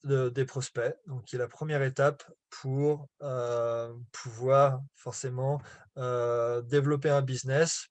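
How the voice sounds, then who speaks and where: Presenting slides in a live online business lesson, a coach speaks French in a mid-range, slightly mellow voice without echo. He keeps apologizing for how rusty his French is and laughs at his own stumbles, which include many fillers and restarts.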